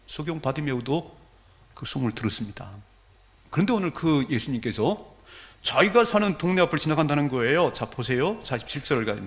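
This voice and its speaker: A male pastor preaching a sermon to his congregation, acting out scenes and quoting as he goes. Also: a little high. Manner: animated, acts out scenes and quotes.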